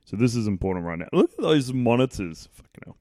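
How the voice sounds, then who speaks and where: A man's voice: medium pitch, big pitch swings, fast talker, mellow, no echo, clean studio sound. A man hosting a podcast, chatting casually in a joking, playful, rambling way while he watches a film. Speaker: podcast host. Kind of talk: casual chat.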